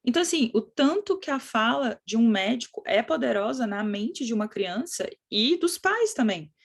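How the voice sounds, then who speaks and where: Brief: middle-aged Brazilian woman, course instructor, lively teaching voice, slightly high. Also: normal speed, creaky. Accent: Brazilian Portuguese. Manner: animated, acts out quoted children and parents. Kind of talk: conversational teaching talk.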